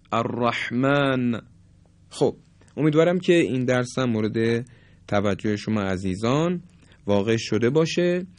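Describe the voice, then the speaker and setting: Man slowly modeling recitation sounds. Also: fairly low pitch, darkish tone, dry recording. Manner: explains, then drawls example words slowly and clearly. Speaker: Quran recitation teacher. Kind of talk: tajweed pronunciation lesson.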